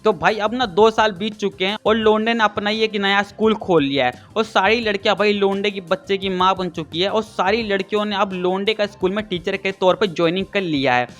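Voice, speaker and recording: A man's voice: high-pitched, brisk, few pauses, a bit bright, soft background music. A man narrating a comic recap in a cheeky, crude way, talking straight to his viewers. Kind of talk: casual comic story recap.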